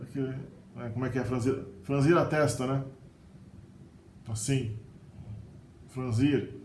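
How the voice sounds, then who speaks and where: His voice is mid-range and darkish, fairly even in intonation and a little slow: a middle-aged Brazilian Portuguese-accented man teaching vocabulary in a laid-back video. He's chatty and frequently tags sentences with "né?", as if asking. Slight background noise sits under a roomy echo and faint ambience.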